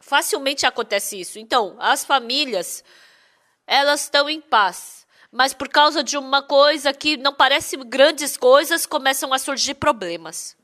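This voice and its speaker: A woman interpreting a sermon in a lively way, full of rhetorical questions. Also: high-pitched, a little slow.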